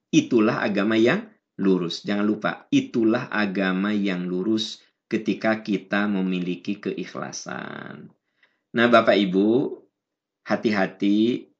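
Sundanese-accented male preacher, dull recording. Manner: acts out wives and husbands in falsetto. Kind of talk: religious study sermon.

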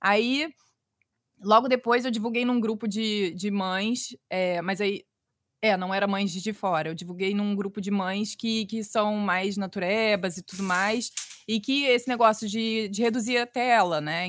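In a clean studio recording with no room sound, a Brazilian woman in her thirties speaks at a moderate pace in a medium-pitched voice with a Brazilian Portuguese accent. She makes children's story podcasts and chats animatedly in a casual interview, slipping into character voices as she retells things.

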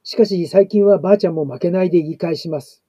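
Male narrator, husky and dark in tone, pitched fairly high; reads a home-care story slowly, with pauses, on a dull lo-fi track. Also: no room sound. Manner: slow, measured reading with pauses. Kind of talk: reading a family blog story.

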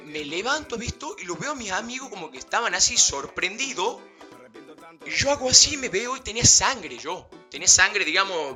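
Animated young man telling a story. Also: high-pitched. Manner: slangy, animated, laughing, rambling with fillers. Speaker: vlogger. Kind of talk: casual storytelling anecdote.

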